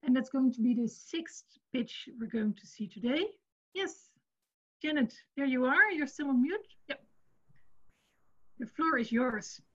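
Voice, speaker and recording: A woman moderating an online pitch session, friendly with hesitant fillers. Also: animated, unhurried, long pauses, breathy edge. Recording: dull, lo-fi call audio.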